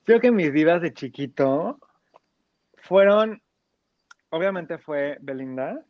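Young man, Mexican accent, animated and gushing, somewhat high voice, dry muffled sound. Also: takes it slowly, no room sound. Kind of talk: casual chat.

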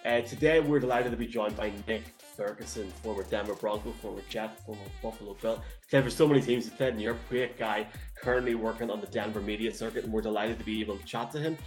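A man's voice: lowish voice, steady tone, fast, few pauses, a little mellow, faint music behind. An Irish man hosting a sports show in a casual, chatty and enthusiastic way.

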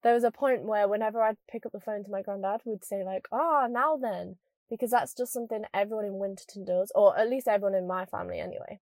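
A woman's voice: medium pitch, fairly even intonation, fast, hardly any pauses, warm tone, no echo, studio quality. Chatty young woman with a northern English accent. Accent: northern English, Lincolnshire. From Scunthorpe, northern England. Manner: chatty, self-deprecating, jokey asides. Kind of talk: casual chat to camera.

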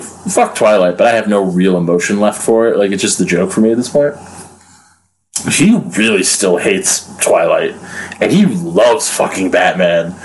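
A man talking as a guest on a casual podcast, rambling and swearing a lot, with bursts of rapid talk. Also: fairly low pitch, darkish tone, rough recording. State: hungry. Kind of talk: casual chat.

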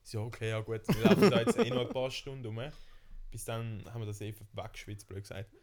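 A young man with a Swiss German accent telling a funny travel story in casual chat, lively and laughing often. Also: fairly low pitch, fast talker, crowd noise. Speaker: podcast co-host.

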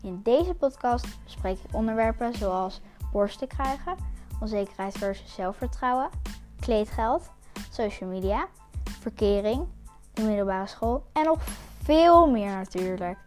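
High-voiced young teen girl hosting a podcast. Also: lively intonation, measured pace, a little mellow, soft background music. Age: child or young teen. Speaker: podcast host. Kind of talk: casual podcast chat.

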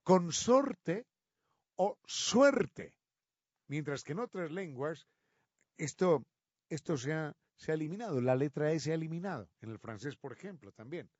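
A man presenting a radio segment on how words changed from Latin, drawing out each example word slowly and with emphasis. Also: a little high, darkish tone, dry recording, dull audio. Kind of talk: explanatory talk on word origins.

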